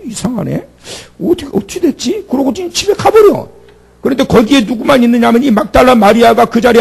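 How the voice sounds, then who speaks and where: A man's voice: fairly high pitch, a little mellow. A man preaching a sermon, retelling the story dramatically and acting out the speakers in it. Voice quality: gravelly. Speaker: pastor.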